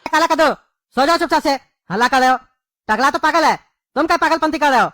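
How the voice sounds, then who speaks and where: A woman's voice: high voice, fairly bright tone, no echo, studio quality. A woman, playing an irritable father in a comedy sketch. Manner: fast, irritable.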